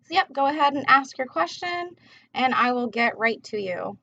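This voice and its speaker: A woman's voice: high voice, expressive, normal speed, vocal fry, bright, forceful tone. A woman chatting casually on a livestream as a tarot reader, rambling in a laid-back, slangy way while she smokes. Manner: smoking while talking. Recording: dull, muffled lo-fi livestream audio.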